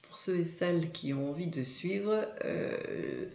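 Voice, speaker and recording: A woman hosting her own video, explaining at an unhurried pace and pausing often on filler sounds. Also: on the low side, wildly swooping pitch, creaky, a little mellow, roomy sound, highs cut off. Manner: hesitant, many filler sounds. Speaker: video host and image consultant. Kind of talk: informal talk to camera.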